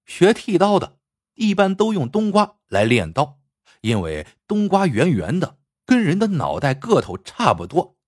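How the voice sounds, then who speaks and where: A man telling a folk story in an animated, theatrical way, voicing it with plenty of expression. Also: a little high, measured pace, no room sound, clean studio sound.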